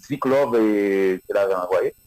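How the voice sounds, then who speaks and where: Relaxed male singer guest, dry mic. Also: on the low side, a little slow, no room sound, rough recording. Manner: relaxed, repeats and restarts phrases. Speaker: music artist, guest. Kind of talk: casual radio interview answers.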